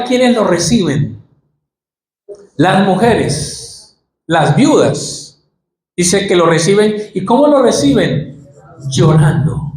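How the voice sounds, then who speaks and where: A man's voice: high voice, darkish tone, roomy sound, a little hiss or hum, rough recording. A male pastor with a Colombian Spanish accent preaching a sermon, acting out Bible scenes as he goes.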